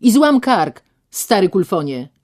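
A woman's voice: on the high side, very animated, normal speed, voice pushed up. A woman voicing a proud young woman who answers coldly and defiantly, raising her voice. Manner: cold and defiant, loud.

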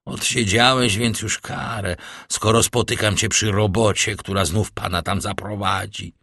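A man reading an audiobook, voicing a calm, ironic, self-assured nobleman disguised as a priest. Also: on the low side, a little slow, vocal fry, no room sound, clean studio sound, exaggerated voice. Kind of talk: audiobook character voice.

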